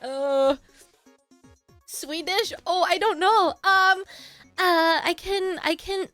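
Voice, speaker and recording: A woman's voice: extremely high pitch, slow, fairly bright tone, dry recording, soft background music. A woman streamer chatting playfully with her viewers, often slipping into silly voices. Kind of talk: casual chat to live chat.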